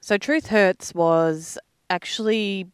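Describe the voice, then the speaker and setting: A woman's voice: medium pitch, slow, clean tone, no room sound, clean studio sound. A woman hosting a community radio show, trading playful, jokey banter with her co-host. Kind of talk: casual radio chat. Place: radio studio.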